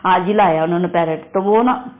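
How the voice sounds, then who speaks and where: A woman's voice: on the low side, normal speed. A woman telling a devotional testimony in an earnest, repetitive way, often turning to address the congregation. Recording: tinny phone-quality recording.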